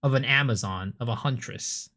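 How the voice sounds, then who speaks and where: A game streamer, a man, chats through a live reaction with a bright, forceful tone. He gets animated and trips over his words, repeating them as he reacts. His speech stays casual and conversational. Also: medium pitch, moderate pace. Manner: animated, stammers and repeats words when excited.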